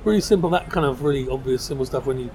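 A middle-aged man with a South London accent talks very fast in a mellow, mid-range voice as a designer guesting on a podcast. The pub interview is casual and rambling, with busy crowd chatter in the background adding slight noise.

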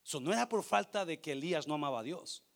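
A man preaching a sermon, swinging between loud emphatic lines and soft, hushed storytelling, with bits of English mixed in. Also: a little high, lively intonation, fast, vocal fry.

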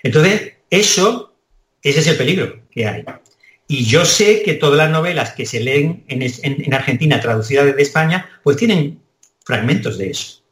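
A man's voice: a little high, lively intonation, moderate pace, echoey room. A man from Spain with a Spanish accent, a translation professor answering interview questions thoughtfully, with hesitant restarts. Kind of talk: conversational interview.

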